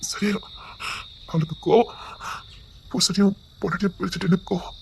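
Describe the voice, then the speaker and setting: An actor playing a man who broods over a hurt sister, quietly repeating himself, with a fairly high voice. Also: steady tone, normal speed, creaky, noisy background. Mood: brooding. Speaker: actor in a television serial. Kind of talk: television drama acting.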